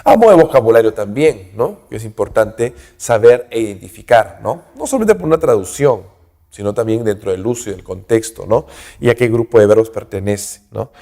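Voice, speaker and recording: A man teaching an English grammar lesson, speaking slowly, checking in with "¿no?" and "¿ok?" after nearly every phrase, and saying English words louder and higher before their translation. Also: lively intonation, gravelly. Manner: slow and repetitive, checks in with "¿no?" and "¿ok?" constantly. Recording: long hall reverb.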